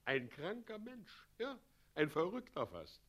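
A man's voice: high voice, huge pitch swings, unhurried, fairly bright tone, heavily acted. An actor playing a smug, condescending tyrant who is hailed as a liberator in a radio play, chuckling as he speaks. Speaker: president of the town.

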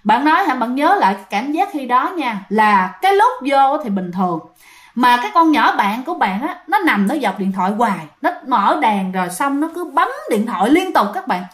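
A woman narrates a ghost story. Her voice sits slightly high. She talks in a chatty way and keeps turning to address her listeners directly. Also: very animated, moderate pace, a bit bright.

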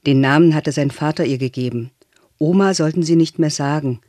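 A man calmly reading a novel aloud as narrator, in a measured way. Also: a little high, dry recording. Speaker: audiobook reader.

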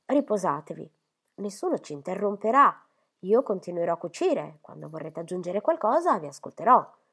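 A woman voicing a gentle young woman who speaks softly and reassuringly. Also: lowish voice, sing-song, moderate pace, husky, full character voice. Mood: soothing.

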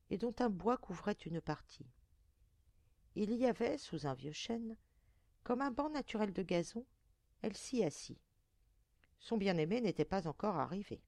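A woman narrating a folk tale in a measured, expressive reading voice. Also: medium pitch, gravelly, no room sound, studio quality. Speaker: audiobook reader.

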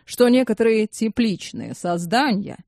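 A sardonic older man speaks in slow, ornate sentences full of mock formality, as a woman narrator plays him. The voice stays near the reader's own and moves lively in pitch, in a dry, close storybook reading. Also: no echo.

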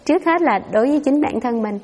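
A woman's voice: sits high, expressive, quick pace, a little mellow, husky, long reverb tail. A Buddhist nun giving a dharma talk, answering questions in a conversational storytelling way and speaking straight to her listeners. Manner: conversational storytelling, addresses audience directly.

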